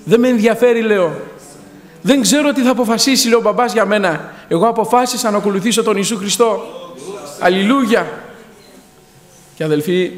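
Fervent high-voiced man in an echoing hall. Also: pauses often. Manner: fervent, punctuated with hallelujahs and addresses to the brethren. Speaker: church member giving testimony. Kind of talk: testimony in church. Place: church hall. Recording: long hall reverb.

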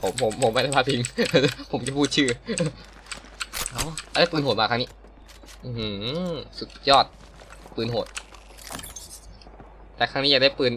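A man's voice: mid-range voice, steady tone, unhurried, pauses often, a bit bright, slight background noise. A man giving casual, joking gameplay commentary to his viewers, swearing now and then. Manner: playful, joking, swears a lot, talks to viewers. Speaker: gaming streamer.

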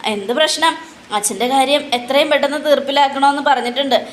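A woman voicing a defiant, scornful young woman who talks in a sharp tone. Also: sits high, a little fast, slight background noise, natural voice.

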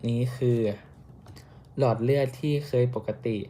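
A young Thai man reading a class report on a medical topic, careful and steady, with small slips and restarts. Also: a little slow, slight background noise. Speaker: student presenter.

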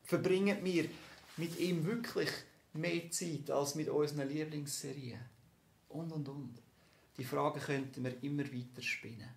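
A young man preaching a sermon in standard German with a Swiss accent, talking in a lively way and often tagging on rhetorical questions. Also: fairly high pitch, unhurried, creaky, slight background noise. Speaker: pastor. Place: church hall. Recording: echoey church room.

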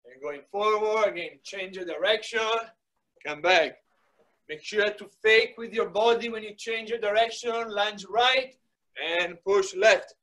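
In a small wood-panelled indoor room, a middle-aged soccer fitness coach leads a live workout, giving short repeated commands mixed with encouragement. His voice sits high and sounds bright and forceful at a measured pace. A device mic a few metres away picks him up.

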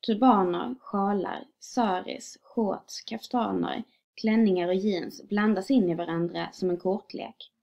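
A woman reading a short story aloud in a calm, measured way. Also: mid-range voice, creaky. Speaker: reader. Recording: dull lo-fi recording.

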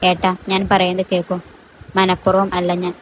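Woman doing meek young college girl, pleading, low and even. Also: normal speed, slight background noise, lightly acted, poor audio. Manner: soft pleading.

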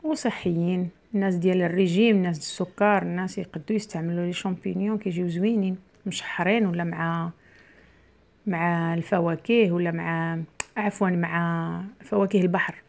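A woman's voice: on the low side, fairly even intonation, brisk, creaky, a little mellow. Moroccan lady chatting away while she cooks, home kitchen, mic on the counter, talks straight to the viewers. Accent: Moroccan Arabic. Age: middle-aged. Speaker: cooking channel host. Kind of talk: casual cooking vlog chat. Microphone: camera near the worktop, speaker mostly off frame.

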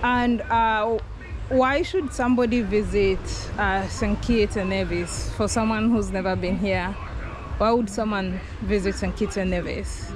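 Slow-spoken woman vlogger, noisy outdoors. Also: medium pitch, steady tone. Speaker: travel vlogger. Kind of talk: casual travel chat and street interview. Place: outdoors and on the road. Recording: noisy outdoor street ambience.

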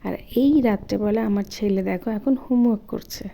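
A young woman and mother narrating her day at home in a casual vlog, chatty and often talking quietly. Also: mid-range voice, fast, gravelly, low-quality recording. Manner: chatty, often drops to a soft hushed voice. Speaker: vlogger and mother. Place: home indoors.

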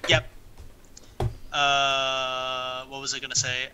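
A man's voice: medium pitch, monotone, takes it slowly, pushed and bright, slight background noise. A young man playing a tabletop game, hesitant, with frequent ums and restarts. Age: young adult. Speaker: player. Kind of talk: casual tabletop play.

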